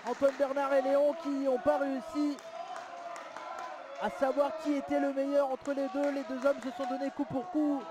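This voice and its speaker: A man doing live wrestling play-by-play commentary, excitable and full of exclamations, drawing out his calls of the big moves. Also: very high voice, normal speed. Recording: live event with crowd noise. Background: crowd.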